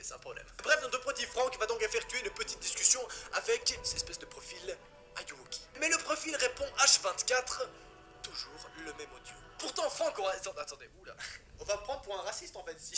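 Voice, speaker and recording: A man's voice: high-pitched, sing-song, brisk, pushed and bright. A man from France telling a horror story casually, cracking jokes and swearing in asides to the viewer. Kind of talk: casual creepypasta narration. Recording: music playing behind.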